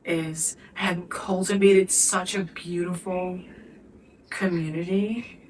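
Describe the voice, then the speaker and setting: A woman guest in an interview, talking in an earnest, searching way that sometimes sinks to a near whisper. Her voice sits at an ordinary pitch. It is picked up from a little way off, with a faint hiss of background noise. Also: steady tone, takes it slowly, distant mic, poor audio. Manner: earnest, loose and searching, dropping to a near whisper on quiet moments. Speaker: interview guest, studio founder. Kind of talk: reflective conversational storytelling.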